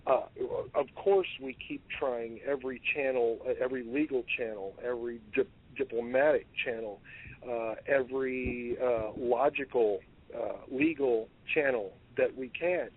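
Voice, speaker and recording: A male talk-radio co-host speaking casually, his thoughts coming out in halting bursts full of fillers and restarts. His voice sits at an ordinary middle pitch. It comes through a tinny, narrow phone line.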